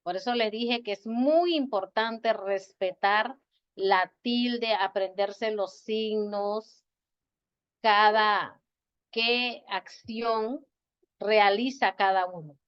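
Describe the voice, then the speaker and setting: A woman's voice: medium pitch, clear, resonant tone. Patient woman teacher on a video call. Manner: slow, patient, repeats words to stress syllables. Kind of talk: online grammar lesson. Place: home or office on a video call. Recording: dull, lo-fi video call audio.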